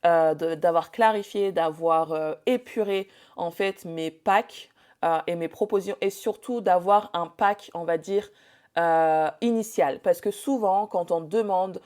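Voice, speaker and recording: Young woman, lowish voice, chatty beauty-business coach who rambles with fillers. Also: unhurried, a little mellow. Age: young adult. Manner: chatty, many fillers and restarts. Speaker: bridal hair and makeup artist teaching business. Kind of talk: casual spoken training talk.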